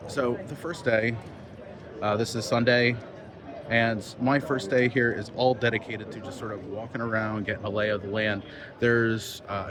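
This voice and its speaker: A man vlogging casually into his phone's microphone, explaining things off the cuff and pausing between points. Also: fairly low pitch. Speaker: vlog host, film sound mixer. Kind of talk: casual vlog to camera. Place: busy convention venue. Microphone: phone's built-in microphone. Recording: busy crowd noise, phone microphone. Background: crowd chatter.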